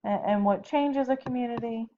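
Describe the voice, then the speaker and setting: Woman teacher talking through a bio lecture at home, kinda tired, slightly high voice, faint hiss. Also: normal speed. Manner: chatty, self-correcting, with casual asides. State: tired, yawning. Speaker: biology teacher. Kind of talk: recorded online lecture. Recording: dull lo-fi home recording with faint noise.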